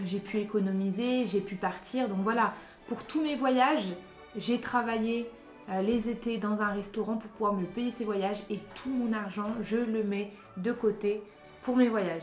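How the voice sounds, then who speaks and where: A young woman from France talks in a chatty, emphatic vlog style, speaking directly to her audience at a medium pitch. Her voice bounces around a roomy, echoey space. Faint music plays underneath. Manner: chatty and emphatic, giving advice directly to viewers. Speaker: vlogger. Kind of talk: casual vlog chat.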